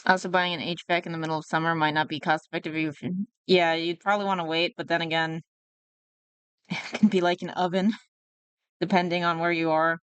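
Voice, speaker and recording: A woman's voice: fairly low pitch, flat delivery, a little fast, fairly bright tone, clean tone, no room sound. A woman live streamer giving casual reaction commentary in a rambling, musing way. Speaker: VTuber streamer reacting to a video.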